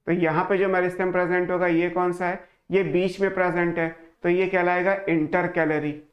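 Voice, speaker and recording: A man's voice: sits high, level tone, normal speed, highs cut off. A male teacher giving an online class lecture, explaining step by step, asking questions and answering them himself, mixing English phrases into his speech. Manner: mixes English phrases into Hindi.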